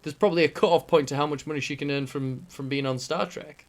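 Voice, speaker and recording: Podcast dude, kinda high voice, animated and jokey, swears a bunch. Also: male voice, quick pace. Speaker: podcast co-host. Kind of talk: casual chat.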